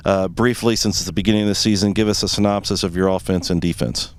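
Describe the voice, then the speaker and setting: A man's voice: sits low, fairly even intonation, fast, no echo. An American man hosting a pregame sports show and interviewing as a broadcaster at a football stadium.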